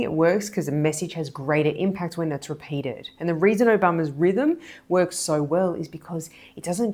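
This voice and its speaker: A woman hypnotist and body language coach explaining speaking techniques in a measured, deliberate, emphatic way. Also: lowish voice, a little mellow. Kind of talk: explanatory video lesson.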